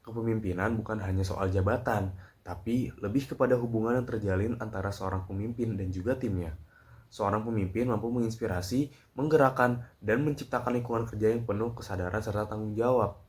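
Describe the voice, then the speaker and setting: Young male narrator, lowish voice, composed scripted read. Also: a little fast, darkish tone. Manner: composed, read-aloud delivery.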